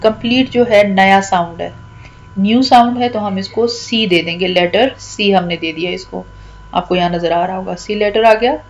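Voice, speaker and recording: A woman who grew up speaking teaches a lesson patiently and step by step. She repeats words and draws them out slowly as she points each one out. Her voice sits at an ordinary middle pitch. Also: lo-fi sound. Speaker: English literature teacher. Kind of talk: classroom-style lesson explaining a rhyme scheme.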